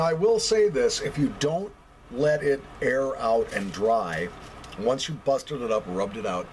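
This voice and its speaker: American guy doing a casual vlog review, really animated pitch, emphatic, bit of background noise. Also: poor audio. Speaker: pipe tobacco reviewer. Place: basement.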